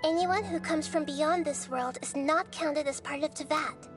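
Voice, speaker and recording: A woman voicing a small, wise, childlike goddess in a video game, composed, thoughtful and gentle. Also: high voice, normal speed, over music, close to an everyday voice. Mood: calm, thoughtful. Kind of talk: video game dialogue acting.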